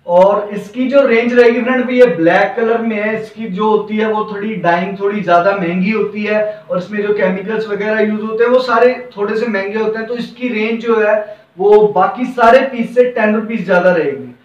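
A young man with a high voice, speaking at normal speed, presents T-shirts in an indoor clothing shop lined with hanging racks, using an eager, repetitive sales patter. He wears a lapel mic, yet the recording sounds roomy, dull, and slightly distant.

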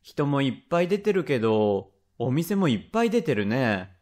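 A man's voice: medium pitch, very animated, normal speed, a little mellow, natural voice. A man voicing a cheeky, pestering little boy who wheedles his father for treats in a rakugo tale. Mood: wheedling. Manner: wheedling, whiny. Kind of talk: rakugo storytelling.

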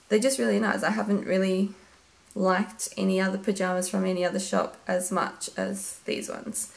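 Young aussie girl chatting about her clothes, kinda gravelly and hoarse, says like a lot, echoey room. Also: mid-range voice, darkish tone. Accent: Australian. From Australia. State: losing her voice. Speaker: vlogger. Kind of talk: casual try-on haul chat.

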